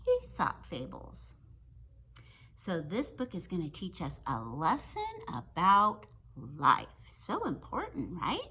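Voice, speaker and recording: A woman teacher reading a children's story aloud in an animated, sing-song storytelling manner. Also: on the low side, husky, poor audio.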